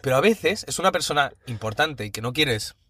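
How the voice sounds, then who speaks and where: Husky young man telling stories. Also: medium pitch, a little fast, dry recording, clean studio sound. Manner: animated storyteller, acts out quotes. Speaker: podcast co-host. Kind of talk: casual chat.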